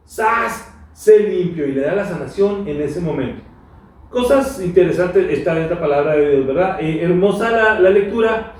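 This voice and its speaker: A man, co-hosting a Bible reflection talk show, who reads scripture and acts out the quoted lines with lively energy. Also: sits high. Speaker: co-host reading scripture. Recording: very echoey room, far from the mic.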